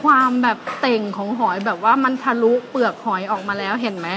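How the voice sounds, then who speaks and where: A young woman hosting a food vlog, chatty and excitable, walking through seafood dishes at a seaside restaurant. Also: a little high, fairly quick, soft background music, rough recording. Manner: chatty and excitable, lots of fillers and exclamations. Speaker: food and travel vlog host. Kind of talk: casual food review walkthrough.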